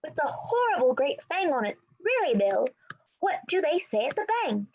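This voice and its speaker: A woman's voice: high voice, sing-song, moderate pace, lo-fi sound. A woman playing a fussing motherly witch. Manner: fussing, scolding.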